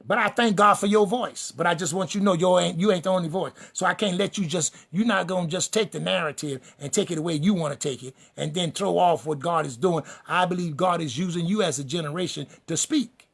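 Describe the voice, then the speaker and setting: A man with a high, gravelly voice preaching a fiery sermon-style lecture. He hammers his points home in repeated refrains and lists, speaking directly to the people in front of him. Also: a little fast, few pauses, a bit bright. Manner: emphatic and repetitive, addresses the listeners directly; builds lists and refrains for rhythm. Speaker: preacher and teacher.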